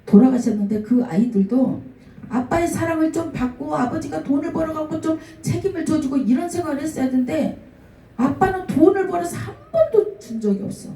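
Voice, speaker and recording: A woman's voice: high voice, brisk, faint music behind. A middle-aged woman pastor preaching a sermon, telling stories about people she met and acting out their quoted words. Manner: storytelling with lively acted-out quotes. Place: church sanctuary. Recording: echoey room, mic at a distance.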